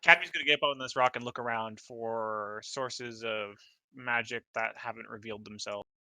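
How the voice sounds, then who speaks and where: A man playing a tabletop game, slowly describing his character's actions with playful asides. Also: mid-range voice, bright, forceful tone, dry recording. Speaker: player.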